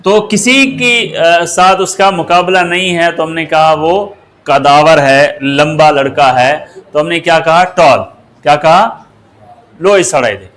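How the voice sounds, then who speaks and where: A man teaching English grammar, asking the class questions as he goes and spelling words out slowly. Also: a little high, fairly bright tone. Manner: slow and deliberate, asks the class rhetorical questions and spells words out. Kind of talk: grammar lesson.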